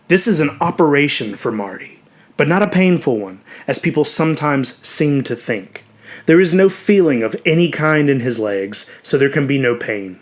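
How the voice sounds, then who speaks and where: A mid-pitched male storyteller narrates a dramatic audiobook. His delivery is measured and expressive, softening into hushed endings on each phrase.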